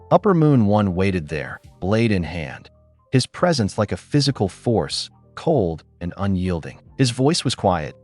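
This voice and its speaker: A man's voice: lowish voice, darkish tone. A man narrating a scripted action story in a dramatic storytelling manner.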